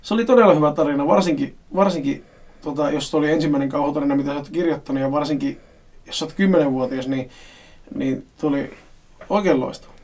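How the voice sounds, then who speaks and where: A man's voice: fairly high pitch, a little mellow, recorded from a distance. A male podcast co-host chatting casually and giving encouraging feedback. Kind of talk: casual chat.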